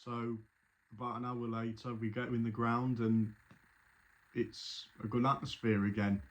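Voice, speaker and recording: A man's voice: mid-range voice, little pitch movement, measured pace. A man, a football fan, recounting an away trip in a casual, rambling way with frequent restarts. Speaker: football fan telling his story. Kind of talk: casual spoken recollection.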